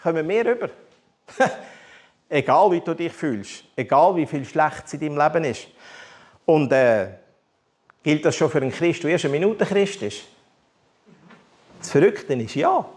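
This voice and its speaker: A man with a Swiss German accent preaches from his own life, candid and animated. His voice sits somewhat high and rises and falls in wide swings. He carries the story with humor. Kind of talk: testimony sermon.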